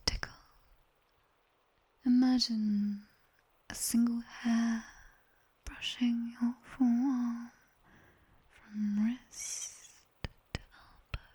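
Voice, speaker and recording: This ASMR performer, a British woman, whispers breathily right against a close binaural ear microphone as a teasing, sharp-tongued nightmare demon tutor guiding a body scan. Her heavily acted voice runs on the high side, creaky with a breathy edge. The delivery is slow, intimate, teasing and commanding.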